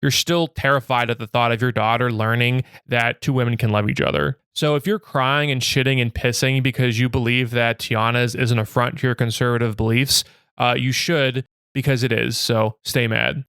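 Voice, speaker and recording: A man's voice: mid-range voice, fairly even intonation, normal speed, fairly bright tone, clear, resonant tone, dry recording, clean studio sound. A young man narrating a scripted video essay, blunt and opinionated, with a sarcastic edge. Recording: faint music under the voice.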